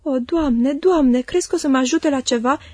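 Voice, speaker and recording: A woman's voice: a little high, husky, no room sound, clean studio sound. A woman playing a timid, frail young mother. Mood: timid, plaintive. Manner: soft, plaintive, fearful. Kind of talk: audiobook reading.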